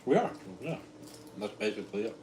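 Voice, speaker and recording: Low-voiced man, casual cooking-stream co-host, chatty and laughing, roomy kitchen sound. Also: sing-song, a little fast. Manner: chatty, laughing, tells stories animatedly. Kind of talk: casual chat while cooking and eating. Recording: echoey room with faint noise.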